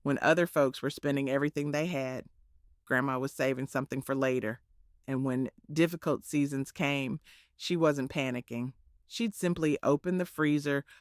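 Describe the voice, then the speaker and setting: A woman's voice: sits low, fairly bright tone, no room sound, clean studio sound. A woman with a Southern US accent narrating in a homespun, preachy storytelling manner, as if passing on cooking wisdom from a script. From southern United States.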